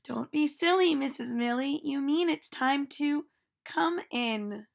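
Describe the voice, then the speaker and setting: Woman doing a young storybook pupil, high-pitched, giggly, exclaiming, emphatic corrections. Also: slow pace, vocal fry, exaggerated voice. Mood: amused correcting. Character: chorus of giggly young schoolchildren gently correcting their teacher. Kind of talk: storybook read-aloud for children.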